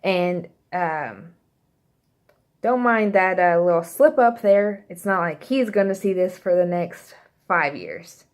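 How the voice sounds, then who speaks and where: A young woman vlogger with a slight Texas accent tells a story to camera, chatty and rambling with plenty of fillers. She speaks slowly in a lowish voice.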